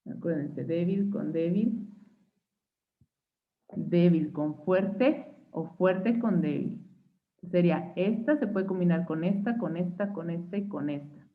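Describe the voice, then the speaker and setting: Mexican woman teaching over a tinny line. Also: fairly low pitch. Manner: checks in with frequent "¿sí?" and "¿va?"; patient, spells out examples slowly. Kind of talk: online phonetics class.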